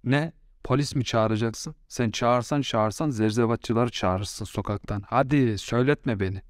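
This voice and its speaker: A man's voice: medium pitch, normal speed, no room sound, studio quality, natural voice. A man voicing a proud, quarrelsome mother-in-law in an audiobook story, scolding and indignant. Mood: defiant.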